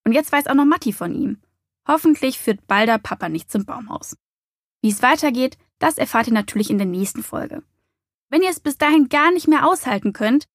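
A woman's voice: sits high, no room sound, clean studio sound. A woman hosting a children's audio series, speaking chattily and directly to young listeners. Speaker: host. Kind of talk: cheerful episode outro.

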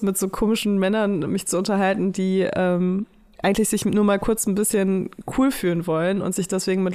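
A woman in her late twenties co-hosts a podcast, chatting candidly and rambling casually with plenty of fillers. Her medium-pitched voice is clear and resonant with a darkish tone.

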